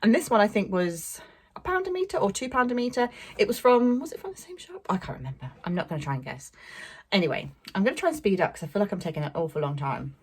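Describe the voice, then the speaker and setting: A woman's voice: medium pitch, lively intonation, quick pace, husky. A young woman chatting casually about fabric she bought, rambling with lots of fillers and little laughs. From England. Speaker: sewing vlogger. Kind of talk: casual fabric haul chat.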